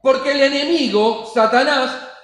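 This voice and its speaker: A man's voice: extremely high pitch, measured pace, fairly bright tone, echoey room, rough recording. A man with an Argentine Spanish accent preaching a sermon in a church, emphatic and acting out the voices he quotes. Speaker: pastor.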